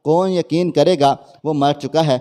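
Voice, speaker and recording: A man's voice: on the high side, steady tone, warm tone. A man reading out a woman's sad first-person story as scripted narration.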